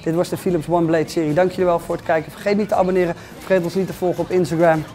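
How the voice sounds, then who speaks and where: A man's voice: little pitch movement, very fast, warm tone, slight background noise. Chatty man hosting a gym vlog. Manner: chatty, joking, pitches sponsor. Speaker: vlog host. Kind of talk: casual gym vlog chat. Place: large indoor gym.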